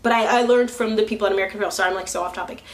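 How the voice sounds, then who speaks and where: A woman's voice: medium pitch, very fast. Young woman rambling in a casual vlog, laughs a lot, does little voices for other people. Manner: chatty, laughs often, acts out what others say; talks while curling her hair. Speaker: vlogger. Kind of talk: candid personal vlog.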